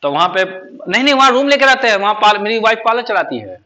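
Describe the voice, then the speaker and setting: Joking, bright-voiced Bihari Hindi teacher. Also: male voice, high-pitched, very animated, fast talker. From Bihar, India. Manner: joking, teasing, chatty. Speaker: spoken English teacher. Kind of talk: casual classroom chat.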